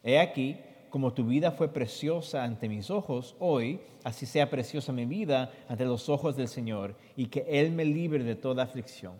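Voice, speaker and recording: A man interpreting a sermon and reading scripture. He reads expressively and his voice jumps high in the quoted questions. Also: moderate pace, hardly any pauses, darkish tone. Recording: long hall reverb.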